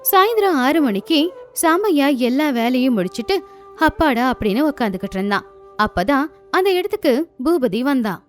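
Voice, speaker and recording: A woman narrating an animated moral story in a clear, storytelling manner. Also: high-pitched, fairly quick, soft background music.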